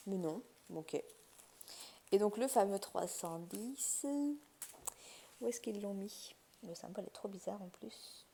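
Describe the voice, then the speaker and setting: A woman hosting her own crafts channel, talking casually to viewers. Her voice is mellow and rather dark, at an ordinary middle pitch. She thinks aloud, full of fillers and self-corrections. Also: slight background noise. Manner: chatty, thinking aloud, lots of fillers and restarts. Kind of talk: casual unboxing commentary.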